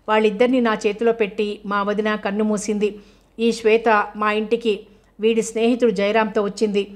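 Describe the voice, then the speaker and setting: A woman voicing a fierce older woman who scolds and accuses in an audio novel, in a flat, level tone. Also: medium pitch, close to an everyday voice.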